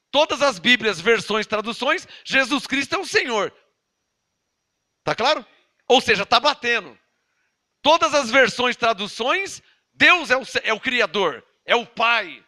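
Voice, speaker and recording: Emphatic high-voiced Brazilian pastor preaching. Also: male voice, sharp tone. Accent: Brazilian Portuguese. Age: 50s. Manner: emphatic, repetitive, asks the audience questions. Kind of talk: Bible teaching sermon.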